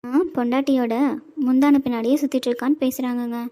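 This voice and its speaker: A woman's voice: high-pitched, flat delivery, quick pace, mellow, natural voice. A woman voicing a shy, teasing young wife in a cartoon, playful and coy.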